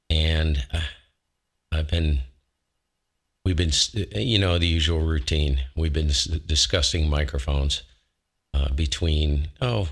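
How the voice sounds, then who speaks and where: Speaking from his home shack into a close dynamic studio mic, a low-voiced man hosts a ham radio show and walks casually through a microphone demo. His folksy talk rambles and he corrects himself along the way, with a slightly bright sound.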